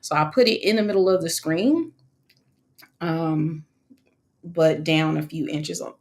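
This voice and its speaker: A woman with a slightly low voice talks on a live stream in a loose, animated way and laughs often as she explains her process. She speaks into her own microphone in a casual walkthrough tone, as a host of her own channel. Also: a little slow. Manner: chatty and animated, with frequent laughs and fillers. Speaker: online course creator hosting a live co-working session. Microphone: wearing her own microphone.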